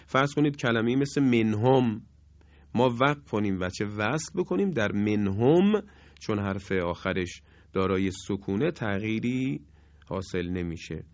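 Man, recitation teacher, drawn-out chanted examples, plain explanations, dry dull recording. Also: on the low side, animated, no echo. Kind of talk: recorded tajweed lesson.

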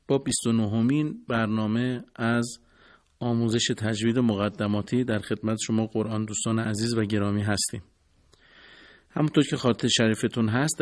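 A man's voice: medium pitch, darkish tone. Courteous male recitation teacher. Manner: formal, courteous, explains step by step. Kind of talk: scripted radio lesson.

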